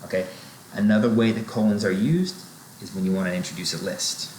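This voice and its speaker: A man's voice: lowish voice, a little fast, a little mellow. A man explaining sentence structure in a recorded lecture, checking in with "right?" and "okay?" as he goes. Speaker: writing instructor. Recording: roomy echo, faint noise.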